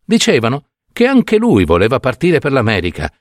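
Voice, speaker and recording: A man narrating a classic short story in an expressive, theatrical reading. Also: medium pitch, moderate pace, no room sound, clean studio sound.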